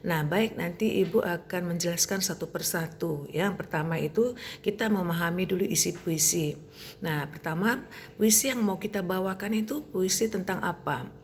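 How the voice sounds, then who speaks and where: Woman teacher, low voice, patient explaining. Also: normal speed, a little hiss or hum. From Indonesia. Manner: steady explaining, frequent "nah" and "ya" tags. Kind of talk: recorded lesson for pupils on reciting poetry.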